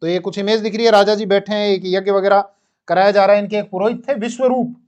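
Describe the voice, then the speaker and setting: A man teaching a history lesson in a classroom style. He explains as he goes, with asides and quick self-corrections, and speaks. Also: high-pitched, steady tone, darkish tone, smooth, highs cut off.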